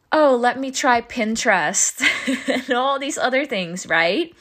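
In a mid-range, slightly bright voice, a woman in her thirties coaches her business audience in a casual teaching talk. She's chatty and out of breath, frequently tossing in "right?"

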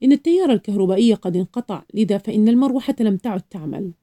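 A woman's voice: mid-range voice, expressive, very fast, mellow, natural voice. A woman voicing a polite young man trapped in a locked room, read from a storybook.

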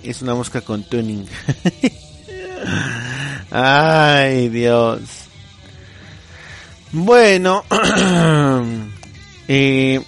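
A Mexican man hosts a relaxed joke-telling podcast for his students. His voice sits at an ordinary middle pitch, and his delivery is playful and loose, full of slang and little chuckles. Faint music plays underneath him. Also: creaky. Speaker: teacher and podcast host.

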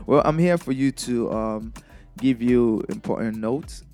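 A man's voice: medium pitch, a little mellow. A man from Nigeria with a Nigerian accent, a DJ giving casual, chatty advice in a vlog and laughing often.

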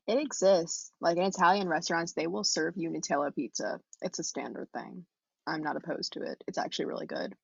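A woman's voice: lowish voice, fairly quick, creaky, slightly rough, no room sound, dull audio. A woman co-hosting a podcast in casual chat, teasing her partner with dry quips. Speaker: podcast co-host.

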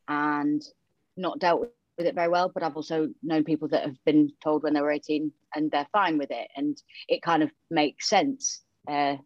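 A Romanian woman with a Yorkshire accent and a voice that sits low talks chattily and openly, filling her speech with fillers, as a guest in a casual podcast interview. The audio has no room sound but comes across dull and muffled.

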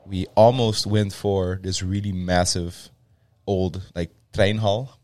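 A man's voice: low-pitched, fairly even intonation, takes it slowly, darkish tone, dry recording. A young man, a gym co-founder, telling a loose, swearing story in a casual podcast chat.

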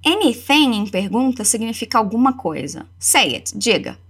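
A Brazilian woman teaching English, modelling phrases slowly for learners to repeat. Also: fairly high pitch, big pitch swings, fairly bright tone, breathy edge. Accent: Brazilian Portuguese. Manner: slow, deliberate model pronunciation. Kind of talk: language lesson with repeat-after-me drills.

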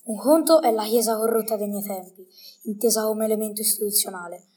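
A woman's voice: mid-range voice, a little fast, dark tone, close to an everyday voice. A woman playing a learned, proud medieval male poet in a scripted radio interview, speaking in a formal, didactic way. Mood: solemn, didactic. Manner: formal, didactic, bookish phrasing.

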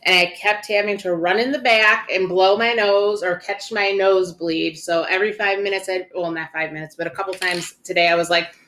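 A woman's voice: mid-range voice, fairly even intonation, fairly quick, few pauses, fairly bright tone, a little hiss or hum. A woman with a stuffy nose from a cold, chatting casually and candidly as a co-host, with plenty of swearing. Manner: profane, candid. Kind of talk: casual chat.

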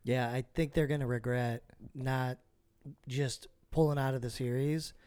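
Sports podcast co-host, man, relaxed, cussing, dry recording. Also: mid-range voice, measured pace, clean tone, dry recording. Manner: laid-back, swears freely. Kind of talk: casual sports chat.

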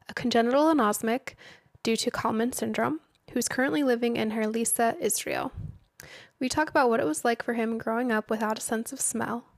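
Higher-voiced woman podcast host. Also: gravelly, dry recording, studio quality. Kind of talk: intro read and interview questions.

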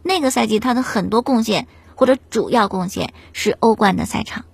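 A woman host telling a sports story in a chatty, animated way, often asking the listener rhetorical questions. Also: a little high, a little fast, vocal fry, husky, no echo. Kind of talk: casual storytelling commentary on football.

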